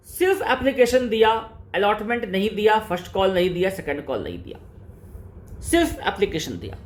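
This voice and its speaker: Guy teaching accounts, repeats stuff a lot, slows way down on terms, quizzes students as he goes. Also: very high voice, a bit bright. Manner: repetitive, drilling, slows right down to spell out key terms; calls on students directly, rhetorical questions. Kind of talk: classroom-style lecture in Hindi-English mix.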